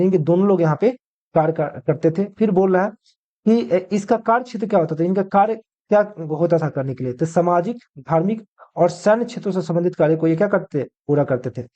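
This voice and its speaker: A man's voice: high voice, dark tone, dull audio. A male teacher giving an exam-prep history lecture, asking questions and answering them himself, dropping English words into his Hindi.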